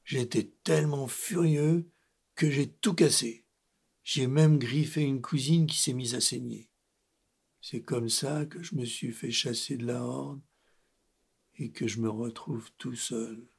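A man's voice: mid-range voice, fairly even intonation, slow pace, gravelly, slightly rough, heavily acted. A man voicing a sad, lonely male lion, king of the animals, who grumbles and growls as he talks in a children's story. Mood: brooding. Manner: grumpy, growling, sighing.

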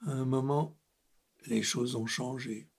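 Sulky, growling male lion, king of the animals, lonely and grumpy, played by a man; husky, unhurried delivery for a children's storybook. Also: medium pitch, steady tone, full character voice. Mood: brooding.

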